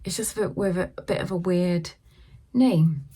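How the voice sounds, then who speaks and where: A middle-aged woman chatting through a casual yarn haul, filmed on her phone at home and sometimes talking softly so a sleeping baby stays asleep. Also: fairly low pitch, moderate pace, slightly rough. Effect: filmed on a phone camera. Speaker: craft vlogger.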